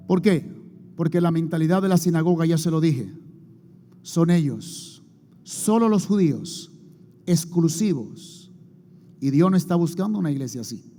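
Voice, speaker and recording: A man's voice: a little high, dark tone, a little hiss or hum. A man preaching a sermon as pastor, emphatic, calling on the congregation to repeat after him and answer. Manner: emphatic preaching with call-and-response prompts to the congregation. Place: church hall before a congregation. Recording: long hall reverb, faint music behind.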